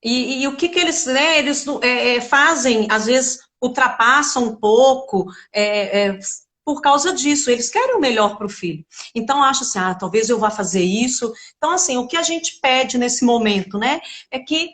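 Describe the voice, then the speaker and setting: A woman's voice: sits high, lively intonation, moderate pace, fairly bright tone. A woman with a Brazilian Portuguese accent, a literacy teacher chatting casually on a live stream and explaining step by step. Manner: chatty, explains step by step, acts out children's voices.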